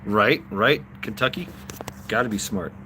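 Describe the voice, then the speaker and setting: A middle-aged American man hosts a casual livestream, rambling through meandering stories full of swearing and chuckles. His voice is fairly low and sharp in tone, delivered at a measured pace, with a little hiss or hum in the recording.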